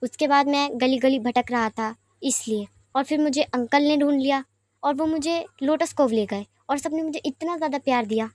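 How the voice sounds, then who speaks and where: A woman's voice: high-pitched, moderate pace, darkish tone, no room sound, close to an everyday voice. A woman voicing a pouty, childish young man who whines and refuses his food. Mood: confiding.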